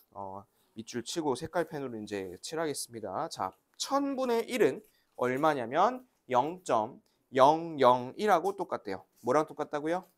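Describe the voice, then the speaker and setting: In a classroom, a deep-voiced elementary school teacher takes young children through a math lesson, her pitch rising and falling a great deal. She asks questions, waits for answers, and coaxes the children patiently into repeating after her.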